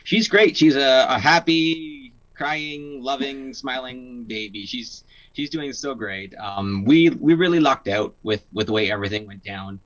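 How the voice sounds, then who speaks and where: A man's voice: medium pitch, measured pace, a bit bright, poor audio. A young man from Canada, telling a personal story in a casual interview, earnest, with many fillers and restarts. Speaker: guest.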